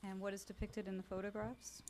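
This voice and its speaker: A woman acting as city prosecutor, reading case details and questioning a witness in a flat, procedural way, heard in a courtroom hearing recording. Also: mid-range voice, a little fast. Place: hearing room.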